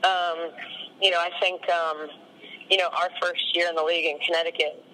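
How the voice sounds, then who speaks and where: A woman's voice: lowish voice, little pitch movement, normal speed, bright, forceful tone, a little hiss or hum, rough recording. A woman head coach answering questions in a post-game interview, rambling and full of "you know" fillers.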